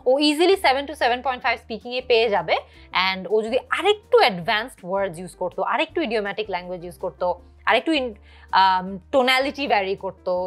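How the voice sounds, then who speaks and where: A quick-talking young woman from Bangladesh teaching IELTS, her voice sitting a little high as she briskly explains band scores. She mixes English terms into her talk in an even, instructive way, with faint music playing underneath. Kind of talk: explaining exam scoring, then asking test questions.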